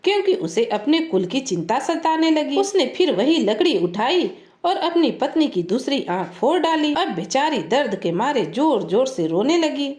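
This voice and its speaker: A woman telling a folk tale as scripted narration, steady and clear. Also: high voice, echoey room. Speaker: storyteller.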